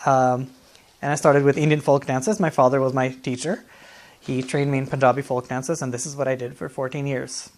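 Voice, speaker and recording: A man, answering interview questions in a friendly, relaxed way, often laughing and pausing with fillers. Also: medium pitch. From Norway. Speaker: guest, dance artist.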